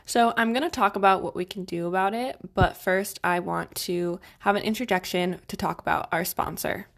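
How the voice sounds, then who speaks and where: A woman's voice: fairly low pitch, steady tone, moderate pace, gravelly. A young adult woman hosting a solo self-help podcast, giving advice in a tidy, organised way. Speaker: podcast host.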